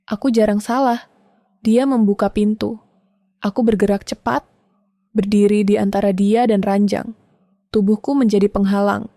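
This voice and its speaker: A woman telling a first-person domestic drama in a calm, measured way, in short, clipped sentences. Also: medium pitch, no echo, clean studio sound. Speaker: storyteller.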